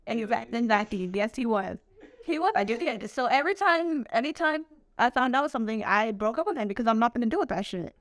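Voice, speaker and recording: A woman's voice: fairly high pitch, animated, a little fast, dry recording. A young woman co-hosting a podcast, blunt, profane and argumentative in casual chat. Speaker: podcast co-host.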